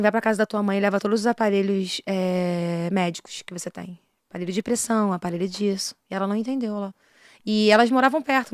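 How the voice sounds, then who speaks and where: A woman who is a missionary and preacher, giving an earnest faith testimony in an interview. She swings between a hushed voice and raised, passionate delivery. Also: mid-range voice, no echo, studio quality.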